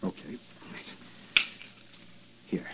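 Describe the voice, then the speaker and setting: An actor playing a nervous, hedging lawyer with a husky voice who hesitates and wavers, in old-time radio drama style. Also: male voice, very slow, noisy background. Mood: worried. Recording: dull lo-fi old radio recording.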